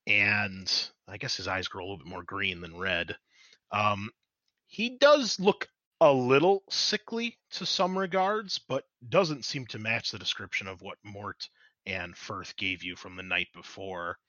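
Low-voiced man running a tabletop game. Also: unhurried, pushed and bright, dry recording, highs cut off. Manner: descriptive, with frequent fillers and restarts. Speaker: game master.

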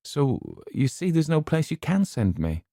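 A man reading an audiobook voices a young woman who laughs and pleads in a raised, high voice. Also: very animated, unhurried, vocal fry, dark tone, no echo, clean studio sound, heavily acted. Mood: giddy pleading. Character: young woman, giddy and unmoored.

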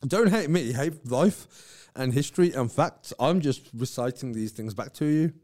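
A man, mid-pitched and easygoing, trades stories in a loose podcast chat. He laughs a lot as he eagerly explains trivia. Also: expressive, measured pace, darkish tone. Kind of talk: casual chat.

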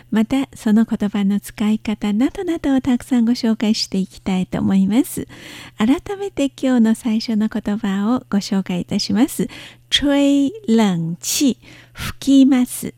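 A woman gives a language lesson and explains each word with slow, careful patience. Her voice sits a little high, with a warm, mellow tone. It is recorded close and dry, with no room sound. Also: no room sound. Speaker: Chinese language teacher.

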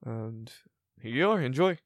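A man's voice: mid-range voice, lively intonation, unhurried, dry recording, studio quality. A man voicing an accommodating innkeeper in an improvised tabletop game, talking politely and a little hesitantly to guests. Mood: obliging. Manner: polite, obliging, slightly hesitant service talk. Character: accommodating male innkeeper at an adventurers' guild. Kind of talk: improvised tabletop role-play.

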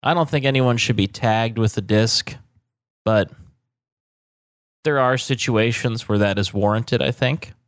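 A man's voice: mid-range voice, a little slow, pauses often, no room sound. A man talking casually as a podcast co-host, blunt and happily profane as he rips into people. His voice sits in an ordinary middle register. The recording is close and dry, with no room sound. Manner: blunt, profane trash talk. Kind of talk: casual chat.

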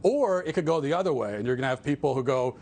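A man's voice: mid-range voice, animated, darkish tone. A man as an interview guest, talking earnestly and restarting his sentences often. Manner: earnest, halting with repeated restarts. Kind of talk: political interview.

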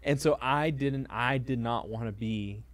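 A man's voice: medium pitch, unhurried, dry recording. A man who is a pastor, telling a story in casual conversation, hesitant and self-deprecating, with lots of fillers and restarts.

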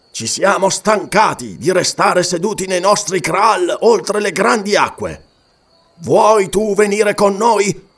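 A man voicing an older male hunter who speaks in a measured, persuasive way in an audiobook. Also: sits high, fairly bright tone, heavily acted.

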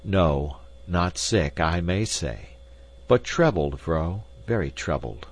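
A man reading aloud, voicing a feverish, troubled working husband in a low, subdued way. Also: expressive, husky, exaggerated voice. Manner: halting, low and quiet. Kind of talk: audiobook character voice.

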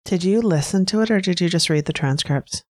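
A woman's voice: lowish voice, fairly quick, darkish tone, dry recording, studio quality. A woman co-hosting a true-crime podcast, reacting to the case with gasps and exasperated swearing. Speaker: podcast co-host.

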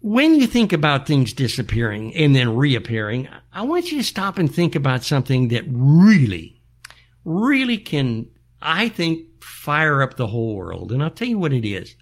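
A man's voice: mid-range voice, big pitch swings, moderate pace. An older American man hosting a show, ranting in an exasperated, folksy back-in-my-day manner full of rhetorical questions. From United States. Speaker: show host. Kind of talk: back-in-my-day style rant monologue.

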